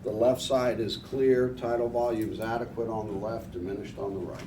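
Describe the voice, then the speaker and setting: A man's voice: lowish voice, flat delivery, moderate pace. A man instructing a paramedic training scenario, giving prompts and informal explanations, often checking that trainees follow. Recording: echoey distant recording with clear noise.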